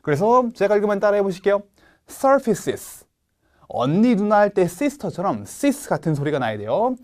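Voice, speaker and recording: A male instructor leads an online exam-prep lecture in a high, animated voice. He quizzes his viewers with quick rhetorical questions and slows right down to stress words when he reads example sentences. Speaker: TOEIC speaking instructor.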